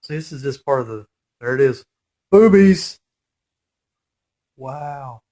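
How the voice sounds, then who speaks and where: Speaking slowly with a stuffy head-cold voice of average male pitch, this forties-aged man provides relaxed fan commentary on a movie. He rambles conversationally and gets openly, geekily excited by what he sees.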